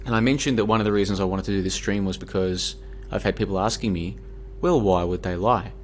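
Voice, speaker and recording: A tired Australian man talks through a casual, argumentative monologue on his own livestream, with plenty of fillers and restarts. His voice sits fairly low. A faint hiss runs under the recording. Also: fast. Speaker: livestream host. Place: home room.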